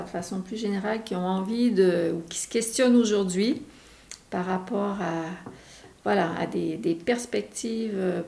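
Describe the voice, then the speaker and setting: A woman's voice: medium pitch, gravelly, a little mellow. A middle-aged woman from Quebec with a Québécois accent, explaining her work as a guest in a radio interview, hesitant with many fillers and restarts. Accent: Québécois French. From Quebec, Canada. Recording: echoey room.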